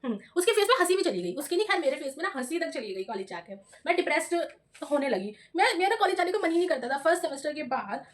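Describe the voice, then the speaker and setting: A young adult woman vlogger telling a personal story in a chatty, animated way, often calling her viewers "bhai". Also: high-pitched, quick pace. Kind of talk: casual storytelling vlog.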